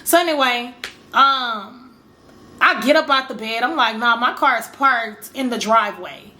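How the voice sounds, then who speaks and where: Bright-voiced chatty woman telling a story. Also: fairly high pitch, unhurried. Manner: chatty, rambling, addresses viewers as y'all, acts out her own reactions. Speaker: storytime vlogger. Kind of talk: casual storytelling to camera.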